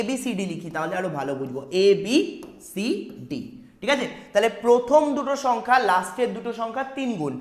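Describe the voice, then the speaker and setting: A man's voice: very high voice, roomy sound. A man with a West Bengal Bengali accent teaching a live online math class, repeating each step and checking in with students. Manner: repeats steps, asks students "ঠিক আছে?"; reads out student chat questions.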